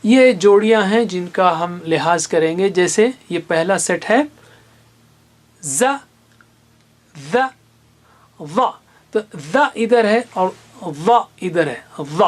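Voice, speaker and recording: This high-voiced man teaches Quran recitation to a class, giving patient explanations. He demonstrates by slowly pronouncing single letters and syllables.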